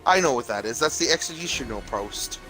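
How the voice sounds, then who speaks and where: A man's voice: medium pitch, lively intonation, brisk, sharp tone. A man in casual chat during a video game, informal and questioning as he reacts to the play. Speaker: gamer playing online matches. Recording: music playing behind the voice. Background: music.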